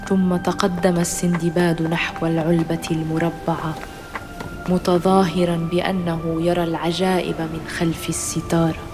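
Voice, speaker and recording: Even-toned storyteller, fairly high voice. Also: male voice. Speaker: storyteller, narrator. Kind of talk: scripted children's story narration.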